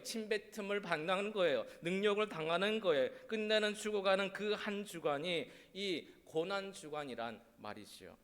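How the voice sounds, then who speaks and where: Male pastor, fairly high-pitched, preaching emphatically with rhetorical questions; church sanctuary with a long echo. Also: a bit bright. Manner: emphatic, rhetorical questions, has congregation repeat phrases. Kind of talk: Palm Sunday sermon. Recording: long reverb of a church hall.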